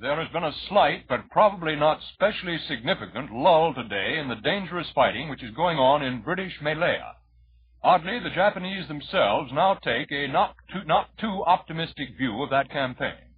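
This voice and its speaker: A man's voice: a little high, lively intonation, normal speed, breathy edge, dry recording. A man anchoring scripted radio news in the formal style of an old-time announcer. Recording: thin, phone-like 1940s radio broadcast.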